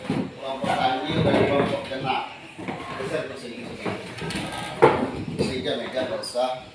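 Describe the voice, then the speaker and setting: A male teacher leading his class through a concentration game, calling out commands loudly. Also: medium pitch, fairly even intonation, moderate pace. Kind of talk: classroom instruction. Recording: echoey classroom recorded from far off, noisy.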